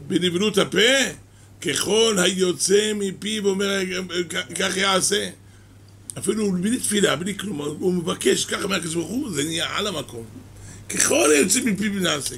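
High, bright-voiced man teaching Torah. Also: a little hiss or hum. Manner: slow, measured, storytelling delivery. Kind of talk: weekly Torah portion lesson with storytelling.

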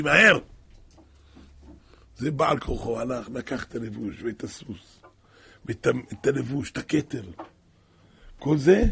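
A man telling a religious story dramatically, with sudden high exclamations and hushed drops, in a gravelly, raspy voice.

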